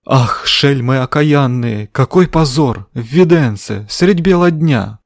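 A man voicing a fat, red-faced townsman who blusters and curses slowly. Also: mid-range voice, lively intonation, no echo. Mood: outraged. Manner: slow blustering cursing. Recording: dry studio sound.

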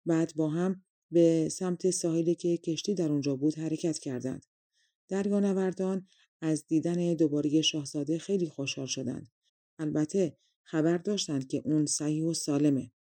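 Brief: storybook narrator, woman, mellow and dark tone, dry close sound. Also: deep voice, no echo. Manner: calm, colloquial reading. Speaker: audiobook narrator.

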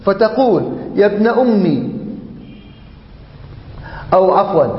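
Sheikh teaching grammar, high voice, chants verses slow, dull boomy hall sound. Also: male voice. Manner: slow, drawn-out chanting of Quran verses and example forms; repeats examples to drill the class, checks in with the students. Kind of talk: religious grammar lesson. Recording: dull, echoey lecture hall audio.

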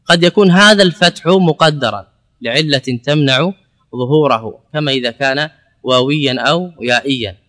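In a classroom lecture on Arabic grammar, a man explains things step by step, poses and answers his own questions, and repeats words slowly as a drill. His voice is medium-pitched and a bit bright.

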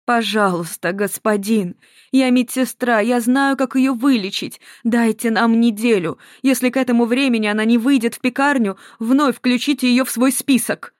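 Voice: mid-range voice, moderate pace, no echo, studio quality, pitched above the performer's own voice, lightly acted. A narrator voicing a desperate, defiant young woman who works as a nurse, pleading in a raised voice.

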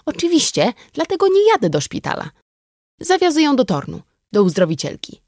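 A woman's voice: high-pitched, fairly quick, no echo, studio quality, voice pushed up, full character voice. A woman reading as a blunt, unflappable heroine. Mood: urgent. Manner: calm, blunt, wry. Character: tough, composed young woman driver. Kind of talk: audiobook reading.

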